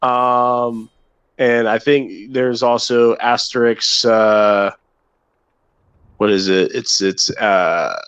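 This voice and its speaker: A man's voice: medium pitch, steady tone, extremely slow, a bit bright, clear, resonant tone. A man co-hosting a casual gaming chat, rambling and thinking aloud as he talks. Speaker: co-host.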